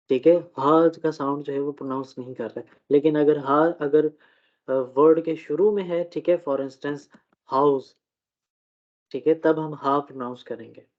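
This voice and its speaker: A man teaching a live online German class, who talks slowly, checks in often and uses many fillers. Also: fairly high pitch. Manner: slow, repeats "theek hai" often, fillers. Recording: dull lo-fi audio.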